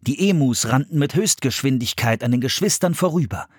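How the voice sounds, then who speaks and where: A man narrating a children's adventure audiobook in a steady storytelling manner. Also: medium pitch, fairly quick, breathy edge, no room sound, clean studio sound.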